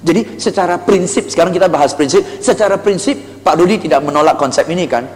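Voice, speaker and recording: A man giving a lively sales seminar, animated, asking the audience rhetorical questions and mixing in English phrases. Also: high-pitched, fast talker, long reverb tail, slight background noise. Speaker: sales trainer. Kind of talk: motivational seminar talk.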